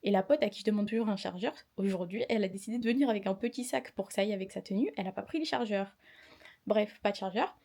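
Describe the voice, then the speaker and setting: A woman's voice: mid-range voice, fast, vocal fry, warm tone. Tired young woman telling a storytime. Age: young adult. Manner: chatty, indignant retelling with quoted dialogue. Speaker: student vlogger. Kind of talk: casual vlog storytime.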